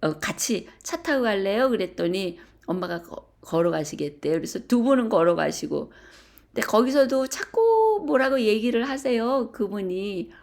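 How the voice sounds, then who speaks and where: A middle-aged woman telling a personal story to a church group, animated and full of hesitant fillers. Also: mid-range voice, normal speed. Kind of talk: casual storytelling.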